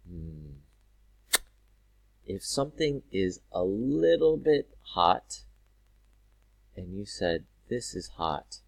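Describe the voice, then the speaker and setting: A man teaching English to learners, drawing out words carefully and breaking into loud acted exclamations. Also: low-pitched, no echo. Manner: drawn-out, overly careful pronunciation with sudden loud acted exclamations. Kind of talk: slow, clear teaching for learners.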